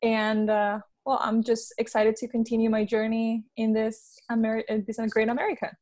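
A woman from Venezuela answers interview questions in English. Her voice sits a little high. She speaks in a friendly way and often pauses or hesitates as she answers. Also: completely flat delivery, a little mellow. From Venezuela, raised in Peru. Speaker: guest.

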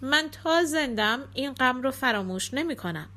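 A woman's voice: high-pitched, expressive, sharp tone. A woman voicing a remorseful male king who mourns in a sad, plain tone. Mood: mournful.

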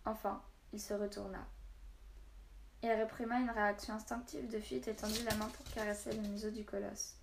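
A woman's voice: mid-range voice, moderate pace, gravelly, background noise. Woman reading a story in an echoey room. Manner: steady, expressive reading with voiced dialogue. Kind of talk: reading a children's novel aloud.

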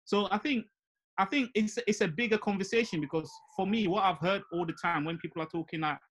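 A man's voice: high voice, brisk, fairly bright tone. A man explaining his view earnestly in a casual panel discussion, often with rhetorical questions.

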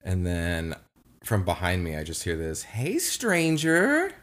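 A young man co-hosting a casual chat, telling a story with lively acted-out quotes. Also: moderate pace. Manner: animated storyteller, acts out quotes in a high voice. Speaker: podcast co-host.

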